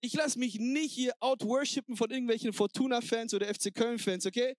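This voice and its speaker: High-voiced, energetic pastor preaching. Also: male voice, brisk, dry recording, clean studio sound. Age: adult, married. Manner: energetic, exhorting, sprinkles English words. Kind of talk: sermon.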